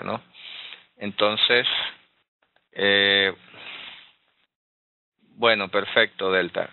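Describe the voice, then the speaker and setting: A man with a fairly low voice teaches scripture, pausing often and asking his listeners whether they follow. The sound is narrow and tinny, like a phone line. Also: dry recording. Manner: explanatory, frequent rhetorical "¿verdad?" and "eh" fillers. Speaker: Bible teacher. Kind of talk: Bible study teaching.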